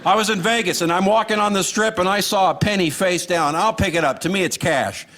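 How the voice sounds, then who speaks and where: A high-pitched stand-up comedian from Los Angeles performs his routine on a live stage before a laughing audience, captured in a noisy comedy club recording. His voice is a bit bright and a little fast, and he delivers punchlines with dry, lilting sarcasm.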